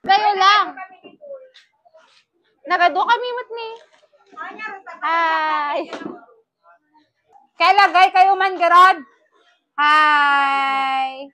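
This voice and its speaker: A woman vlogger with an Ilocano accent chats playfully to the camera and teases small children at a village gathering, mixing languages casually. Her very high-pitched, sharp voice moves extremely slowly, with long pauses.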